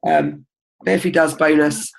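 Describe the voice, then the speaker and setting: Running a casual indoor team meeting, a female team leader keeps things upbeat and chatty, filling pauses with lots of ums to keep the group moving. Her low, creaky voice holds a steady tone at moderate speed on a rough recording.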